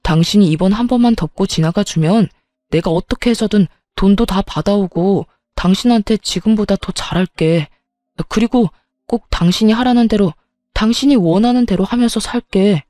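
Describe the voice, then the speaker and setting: A woman's voice: medium pitch, normal speed, warm tone, no room sound, close to an everyday voice. Pleading cheating husband, read by a woman. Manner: begging, making excuses.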